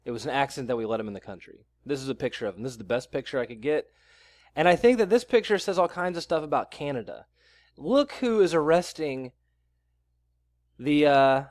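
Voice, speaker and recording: A man's voice: medium pitch, no room sound. A man vlogging in a blunt, sarcastic ranting style. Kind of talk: ranting commentary vlog.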